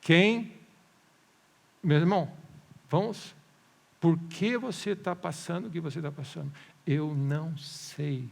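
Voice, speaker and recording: Gravelly, lively preacher in a reverberant church. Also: male voice, fairly high pitch, takes it slowly, pauses often. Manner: animated preaching, rhetorical questions, mimics doubters. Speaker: pastor. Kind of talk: sermon. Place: church service. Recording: long reverb of a church hall.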